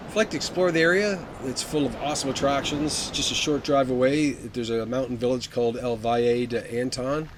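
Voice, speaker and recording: A travel vlogger narrates in a conversational, informal walk-and-talk style. His mid-range voice runs a little fast with few pauses, and the outdoor audio is noisy with ambient sound.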